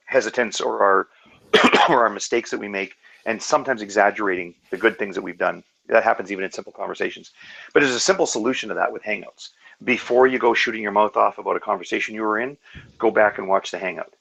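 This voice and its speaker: Low gravelly man, husky and earnest. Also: fairly bright tone, dull audio. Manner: earnest, analytical, full of fillers and restarts. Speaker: hangout guest. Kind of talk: casual video call discussion.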